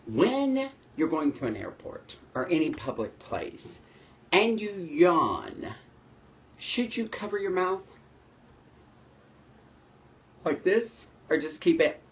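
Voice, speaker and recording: A man's voice: on the high side, sing-song, takes it slowly, pauses often. A man hosting a short etiquette segment, talking casually to camera in a playful, mock-exasperated way.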